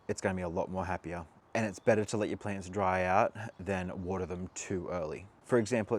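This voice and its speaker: Male channel host with a low voice, easygoing and rambling, explaining how to do something to camera. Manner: loose and chatty, many fillers and asides. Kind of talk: casual how-to talk to camera.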